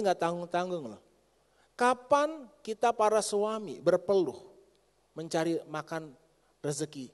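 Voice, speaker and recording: A middle-aged man preaching a lively sermon to a congregation as pastor, speaking to them directly. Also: sits high. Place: church hall. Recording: long church hall reverb.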